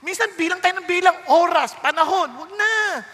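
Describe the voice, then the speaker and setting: A man preaching a sermon as pastor, animated, often asking the congregation rhetorical questions. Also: very high voice, fairly quick, in a large hall.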